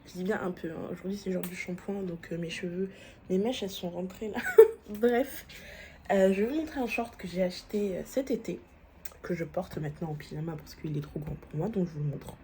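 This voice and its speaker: At home, a woman vlogs on her phone in a casual diary style, chatting with a stuffy nose from a cold and using lots of fillers and restarts. Her voice is lowish and dark in tone, she talks a little fast, and there is noticeable background noise.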